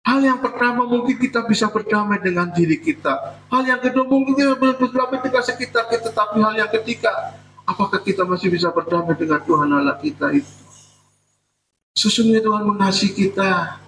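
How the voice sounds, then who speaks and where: A male pastor in a church preaches in a chatty, joking way and acts out people's complaints to God. His voice sits high and sounds bright and forceful. It carries the echo of a hall and is picked up from a distance. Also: fairly quick, a little hiss or hum. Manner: conversational preaching with jokes and acted-out prayers. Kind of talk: sermon.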